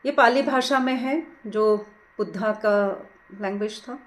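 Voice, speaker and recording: A middle-aged woman leading a guided meditation, giving slow, gentle instructions with English words mixed into her speech. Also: on the high side.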